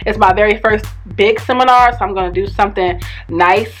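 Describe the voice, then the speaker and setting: An outspoken woman vlogger chatting at home, blunt and unfiltered, swearing freely between bites. Her voice sits at an ordinary middle pitch, with faint music in the background. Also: fairly quick, a bit bright. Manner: eating while talking. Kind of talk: casual opinionated chat. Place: home in Minnesota.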